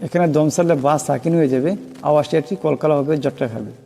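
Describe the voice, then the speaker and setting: A man teaching Quran recitation, spelling out each word and chanting the verses slowly. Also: a little high, creaky, mellow, in a large hall. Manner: slow melodic chanting of verses, quick plain explaining.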